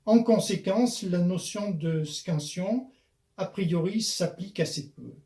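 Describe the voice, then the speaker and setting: Measured man explaining verse, dark voice. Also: high voice. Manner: measured, explanatory, with frequent hesitation fillers. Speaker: poetry lecturer and author-declaimer. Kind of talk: spoken lesson on verse.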